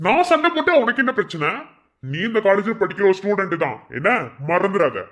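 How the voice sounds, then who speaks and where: A man's voice: high voice, big pitch swings, a little fast, a bit bright. A man voicing a brash college senior in a cartoon, with a Madurai Tamil accent, talking in a taunting, swaggering way.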